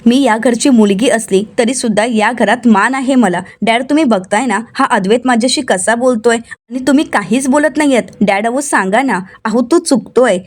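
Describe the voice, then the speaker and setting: A scheming middle-aged aunt who pleads in a whiny, raised voice, put on lightly by a woman narrator. Her tone is a touch high. She sounds manipulative and self-pitying. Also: lightly acted.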